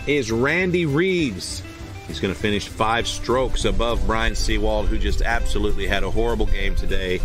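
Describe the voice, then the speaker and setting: A man giving playful, mock-serious play-by-play commentary, hyping small moments with deadpan drama. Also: medium pitch.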